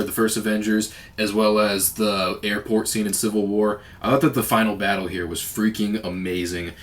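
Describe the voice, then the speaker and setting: A young man giving a casual, enthusiastic spoken movie review, rambling with lots of fillers. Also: fairly low pitch.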